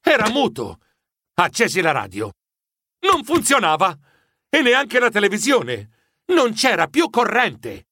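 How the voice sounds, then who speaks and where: Guy reading a kids story, high bright voice, animated and dramatic. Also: a little slow, dry recording, clean studio sound. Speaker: audiobook narrator. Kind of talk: expressive storybook narration.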